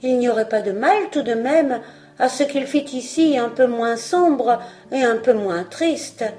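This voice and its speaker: A woman's voice: a little high, measured pace, warm tone, voice pushed up, close to an everyday voice. A woman voicing a proud young fir tree who muses wistfully about his past. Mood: musing. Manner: wistful, self-assured musing.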